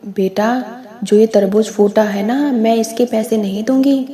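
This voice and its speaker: A fussy mother haggles firmly and insists on her terms, as a woman narrator puts her on. She speaks slowly, in a mellow, soft tone. It is a plainly told storybook voice. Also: a little high, fairly even intonation, natural voice. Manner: haggling, firm. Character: bargaining, fussy middle-class mother.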